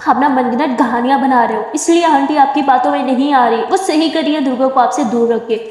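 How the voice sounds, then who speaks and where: Woman voicing a tearful young woman, stammering, pleading, high-pitched, storybook, heavy echo. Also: unhurried, a little mellow. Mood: angry. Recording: heavy echo, long hall reverb.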